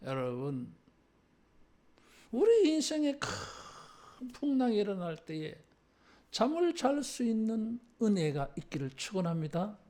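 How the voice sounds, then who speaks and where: The voice is medium in pitch and warm, with a sing-song lilt, an unhurried pace and long pauses. During a church service this pastor preaches conversationally, tags phrases with a filler word, has the congregation repeat after them, and alternates between formal and casual language.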